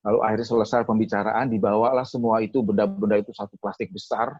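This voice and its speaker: A man's voice: fairly low pitch, flat delivery, fast, a little mellow, slightly rough, no room sound, highs cut off. A man telling a personal testimony at a webinar, acting out his own past words as he speaks. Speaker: speaker at a theology school webinar.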